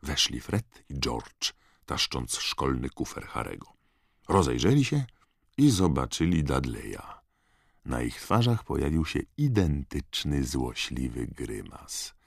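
A man narrating an audiobook in expressive storytelling style. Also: a bass voice, slow pace, gravelly, no room sound, studio quality. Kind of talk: scripted narration.

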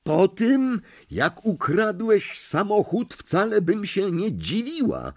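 A man's voice: sits high, wildly swooping pitch, slow pace, no echo, pitched above the performer's own voice, exaggerated voice. A man voicing a furious middle-aged mother who shrilly scolds her son from an enchanted letter in an audiobook. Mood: furious scolding. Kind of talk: audiobook character voice.

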